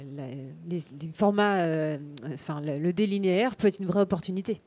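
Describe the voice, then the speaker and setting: Slightly low-voiced woman on a panel. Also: moderate pace, a little mellow. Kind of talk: spontaneous panel discussion.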